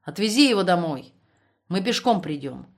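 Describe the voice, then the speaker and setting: A woman voicing a bold, outspoken mother who scolds and jokes loudly. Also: on the low side, very animated, normal speed. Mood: scolding.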